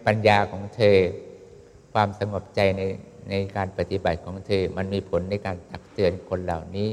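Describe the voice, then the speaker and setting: A man giving a Buddhist sermon in a calm, measured way, speaking straight to his listeners. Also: low-pitched. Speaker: Buddhist preacher. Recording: long hall reverb.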